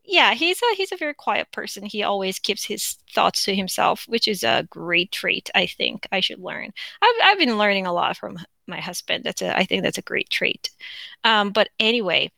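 A Korean woman hosts her own podcast in a casual, unscripted monologue, rambling and chatty with many fillers and restarts. Her voice is on the high side, bright and forceful, with a Korean accent and no room sound.

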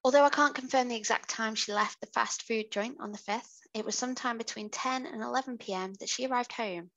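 A woman's voice: on the high side, a little fast, a bit bright, poor audio. A British woman hosting a podcast, reading out a true crime case with chatty asides. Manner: chatty asides while narrating. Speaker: podcast host.

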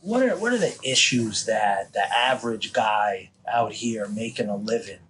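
A man's voice: lowish voice, animated, moderate pace, fairly bright tone, slight background noise. A man hosting a political talk show and street interview, sick with a worn voice, speaking in a brash, profane, tough-guy way. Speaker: podcast host interviewing a guest.

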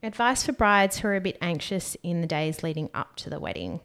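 A young woman co-hosting a podcast, reading out questions and chatting in a relaxed way about staying grounded and good energy. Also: fairly low pitch, brisk, clean tone. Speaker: podcast co-host. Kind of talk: casual podcast chat.

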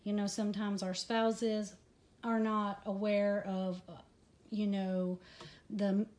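A woman hosting a ministry video, slightly out of breath, giving a personal devotional talk in a conversational, halting way with many fillers. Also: medium pitch, warm tone. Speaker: ministry host.

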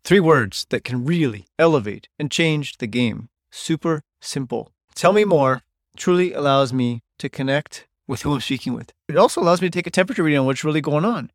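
A man's voice: on the high side, expressive, fairly quick, dry recording, clean studio sound. A middle-aged man hosting a solo podcast, talking bluntly and emphatically and swearing freely. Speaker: podcast host.

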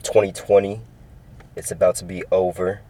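Talking through his solo sports podcast, this upbeat twenty-something Californian rambles and says things more than once. He has a low, warm voice with little pitch movement and normal speed, captured on a low-quality recording.

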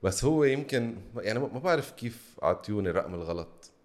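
A man with a slightly low voice and a Lebanese Levantine Arabic accent. He chats casually at a rapid pace as a podcast co-host. He flips often between Arabic and English. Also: animated, darkish tone. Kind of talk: casual chat.

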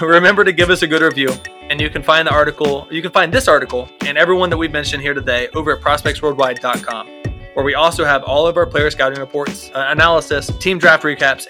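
A man's voice: fairly high pitch, fairly even intonation, fast talker, sharp tone, soft background music. A man hosting a casual sports podcast, talking loosely with plenty of fillers and restarts. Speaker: podcast host.

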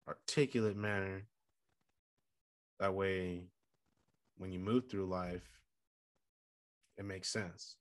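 A man's voice: sits low, a bit bright, no echo, studio quality. A man hosting his own podcast alone, rambling playfully, plugging the show and giving motivational life advice. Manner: rambling, playful and self-promoting. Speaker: podcast host. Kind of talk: casual solo podcast monologue.

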